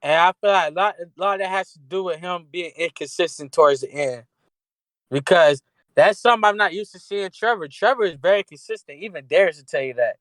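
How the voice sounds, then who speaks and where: Dude with a high voice rambling about football on a podcast, dry close sound, lots of restarts. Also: male voice, fairly quick, fairly bright tone, no echo. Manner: casual slangy talk, rambling restarts. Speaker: podcast co-host. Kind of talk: casual sports chat.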